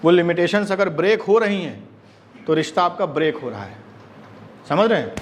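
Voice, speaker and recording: Male acting coach, high-pitched, lively classroom lecture, faint room noise behind. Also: moderate pace. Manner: animated, acts out quoted dialogue with laughs. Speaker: acting teacher. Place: classroom with students.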